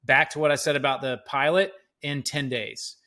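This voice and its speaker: Middle-aged man guest, slightly high voice, breaks things down like a teacher. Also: normal speed, a loud crowd. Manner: explanatory, breaks ideas into steps like a teacher. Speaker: guest, education entrepreneur. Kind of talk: podcast interview answers.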